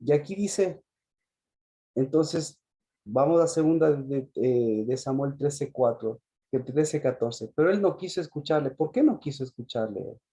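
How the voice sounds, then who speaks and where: A man's voice: medium pitch, expressive, a little slow, warm tone, slightly rough. A man preaching a sermon, often repeating and restarting phrases and asking the congregation rhetorical questions.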